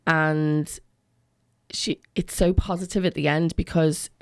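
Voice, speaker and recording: A middle-aged woman with a creaky voice, talking earnestly and emphatically as a guest in a radio interview. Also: sits low, steady tone, a little slow, dry recording, studio quality. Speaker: education worker, interview guest.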